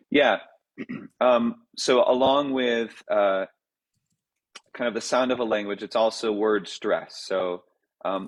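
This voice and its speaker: A man's voice: on the low side, rough recording. A man, a composer, answers audience questions in a casual talk, thinking aloud with many fillers and restarts. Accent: American.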